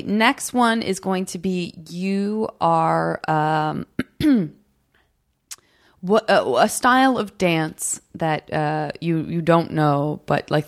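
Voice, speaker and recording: A woman hosts a podcast in a smoky, raspy voice pitched a little low. Her style is casual and chatty, with plenty of encouraging repeated affirmations. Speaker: podcast host. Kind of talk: casual chat.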